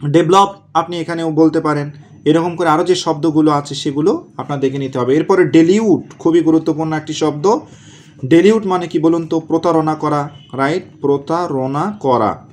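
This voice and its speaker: A man teaching exam vocabulary, asking questions and answering them himself, repeating key words slowly. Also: fairly high pitch, a little mellow. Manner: asks and answers his own questions, drills words slowly. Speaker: exam prep tutor. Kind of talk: vocabulary lesson.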